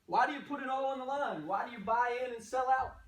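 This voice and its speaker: A man's voice: extremely high pitch, fast talker. A man speaking as a coach, giving a motivational pregame pep speech to a team in short, punchy phrases and exhorting rhetorical questions. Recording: roomy echo, distant microphone.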